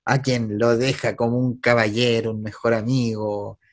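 A man's voice: medium pitch, flat delivery, normal speed. Chatty Chilean man podcasting. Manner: chatty, analytical, with filler words and restarts. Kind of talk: casual chat.

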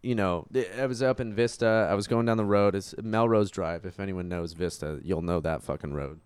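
A young man with a nasal voice, co-hosting a podcast in casual banter, loud and joking, swearing a lot. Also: deep voice, fairly quick, smooth, no room sound. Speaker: podcast co-host.

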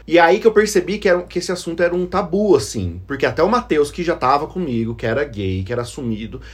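A man co-hosting a casual podcast chat, telling stories in an animated way and laughing often. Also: on the high side, fast, husky. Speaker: podcast co-host.

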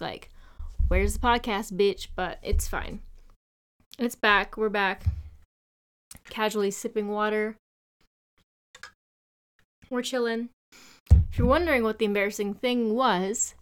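A woman's voice: mid-range voice, clean tone. A young woman hosting her own podcast, chatting casually with sarcastic, rambling asides. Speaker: podcast host. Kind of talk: casual solo podcast chat.

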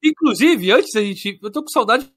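A man's voice: sits high, lively intonation, moderate pace, fairly bright tone. A young man with a Brazilian Portuguese accent co-hosting a live stream, chatting casually with slang and swearing.

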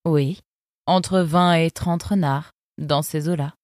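A woman's voice: sits low, fairly even intonation, slow, darkish tone, no room sound, clean studio sound. A woman voicing a tall tattooed female fox who talks in a blunt, offhand, cynical way in a storybook.

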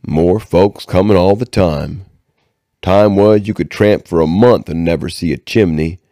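A man's voice: low-pitched, unhurried, warm tone, no room sound, studio quality. A man reading aloud and voicing a heavyset, ragged frontier man who is sly and folksy, with a drawling backwoods way of talking. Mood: easygoing.

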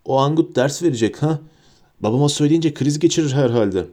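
A man's voice: fairly high pitch, brisk, dark tone, lightly acted. A man voicing an arrogant, spoiled rich schoolboy who talks in a mocking, sarcastic way. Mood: scornful.

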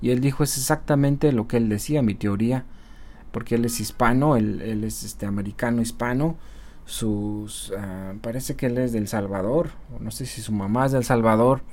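This man, who does social media marketing, offers his viewers relaxed motivation in a fairly low, somewhat mellow voice. He keeps it chatty, frequently tossing in tag questions and pausing on filler sounds.

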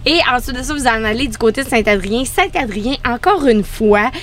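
A woman's voice: on the high side, lively intonation, brisk, a bit bright. A woman from Saguenay with a Quebec French accent, co-hosting a podcast and chatting enthusiastically about road-trip spots, laughing often. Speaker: podcast co-host. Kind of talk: casual chat recommending road trips. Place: on a pontoon boat.

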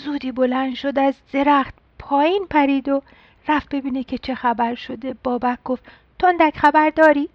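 A woman telling a story to children, speaking lively and turning to the kids directly. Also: high-pitched, dry recording. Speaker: children's show host. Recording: dry, slightly dull recording.

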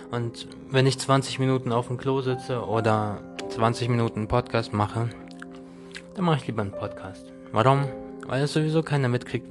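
A man podcasting a jokey, rambling monologue straight at the listener, full of slang and tag questions, laughing between lines. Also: mid-range voice. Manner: addresses listener directly, constant tag questions.

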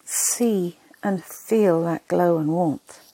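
Very slow, hushed woman narrating sleep meditation. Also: lowish voice, no room sound, rough recording. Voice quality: soft, breathy, husky. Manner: hushed, unhurried delivery in short, spaced phrases.

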